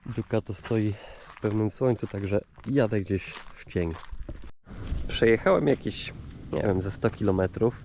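A man's voice: lowish voice, measured pace, a little mellow, slight background noise. A man vlogging in a casual, chatty way, thinking aloud as he shows what he finds. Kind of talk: casual vlog narration.

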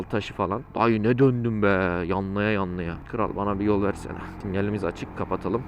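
A man's voice: on the high side, a bit bright. A man talking casually inside a helmet while riding a motorcycle, giving a chatty, slangy review and thinking aloud. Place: outdoors, riding a motorcycle on the road. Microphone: microphone inside a helmet. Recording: inside a helmet, clear road noise. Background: engine and outdoor traffic noise.

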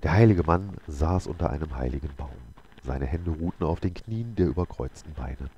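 A man's voice: rumbling low, animated, moderate pace, mellow, slightly rough, highs cut off. A man reading a novel aloud as a game video host, telling the story steadily with occasional slips. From Germany.

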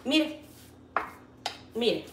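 A woman with a Salvadoran accent, cooking at home and chatting with her live viewers, teasing and animated and full of pet names. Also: very slow, far from the mic, background noise. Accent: Salvadoran Spanish. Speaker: cooking vlogger. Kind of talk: casual live cooking chat. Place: home kitchen. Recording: roomy kitchen, voice off-mic.

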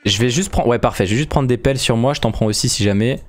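A man hosting a casual gameplay chat, playful and joking, quick to get excited. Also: medium pitch. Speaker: gaming video host.

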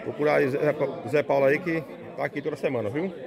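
A man talks fast and slightly high while touring livestock pens with a handheld phone. He chats with each seller and echoes the prices back to his audience. Crowd noise and bleating animals fill the background. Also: vocal fry. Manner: chatty, asks sellers prices and repeats them to viewers. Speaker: vlogger touring a livestock market. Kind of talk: casual on-the-spot market walkthrough. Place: outdoor goat and sheep market pens. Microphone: phone camera held by the speaker. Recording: noisy outdoor market with crowd. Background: crowd chatter and bleating animals.

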